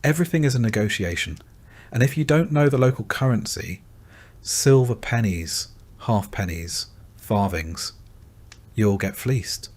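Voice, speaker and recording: A man narrating a scripted bedtime story in a calm, gentle second-person voice. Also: on the low side, measured pace.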